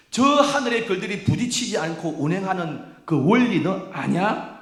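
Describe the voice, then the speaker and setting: A man's voice: sits high, echoey room, pitched above the performer's own voice. A man acting out God as a stern male voice who fires question after question at a sufferer, scolding and interrogating. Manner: rapid-fire, scolding, interrogating.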